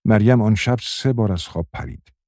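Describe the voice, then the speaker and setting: A man reading a novel aloud in a steady, measured narration. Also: fairly low pitch, no echo, studio quality. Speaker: audiobook narrator.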